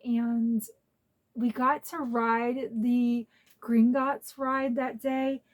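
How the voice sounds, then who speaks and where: A woman's voice: a little high, flat delivery, drawn-out words. A woman vlogging a casual haul in a chatty, rambling, heartfelt way.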